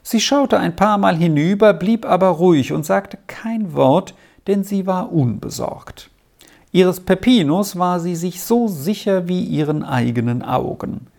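Gravelly storybook narrator. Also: mid-range voice, lively intonation, measured pace, a little mellow. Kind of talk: storybook reading.

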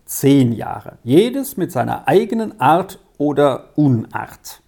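A storybook reader voicing a hearty rural official introducing his children in a brisk, formal way. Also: medium pitch, big pitch swings, vocal fry, dark tone, full character voice.

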